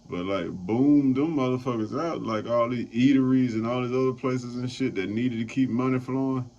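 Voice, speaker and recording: A man's voice: medium pitch, moderate pace, a little mellow. A man hosting a casual roundtable chat, loose and profane, rambling as he talks. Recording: dull lo-fi sound, faint noise.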